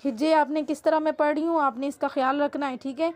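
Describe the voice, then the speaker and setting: A woman teaching Quran reading, spelling out syllables slowly and dragging them out, then giving quick explanations in a Pakistani Urdu accent. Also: high voice, fairly even intonation. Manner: slow drawn-out syllables, brisk asides.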